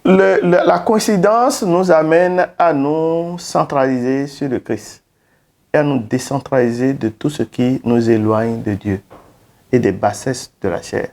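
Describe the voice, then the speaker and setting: Slow, mellow-voiced preaching priest. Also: male voice, mid-range voice, vocal fry. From Benin. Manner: slow, preacherly delivery with emphatic rises. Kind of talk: interview statement.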